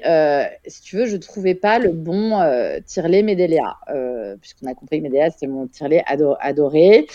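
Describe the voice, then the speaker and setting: A woman's voice: lowish voice, warm tone, no echo, lo-fi sound. A woman in her thirties, a podcast guest telling a story in a frank, casual way, swearing now and then and using plenty of fillers.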